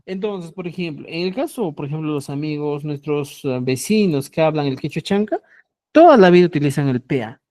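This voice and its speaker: A woman teaching a grammar lesson, explaining slowly and often checking in with her students. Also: sits low, animated, dark tone. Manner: slow, explanatory, repeats phrases and asks "¿ya?". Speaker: language teacher.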